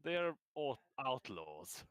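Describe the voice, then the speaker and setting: Man, game master, playful recap prompts, animated and bright. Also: mid-range voice, slow, clear, resonant tone. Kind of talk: casual game recap chat.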